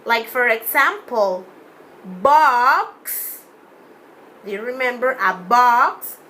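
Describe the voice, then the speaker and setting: A young woman teaching a children's video class, slowly drawing out and repeating words as she counts and names letters. Her first language is Spanish. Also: fairly high pitch, animated, sharp tone, slight background noise, rough recording.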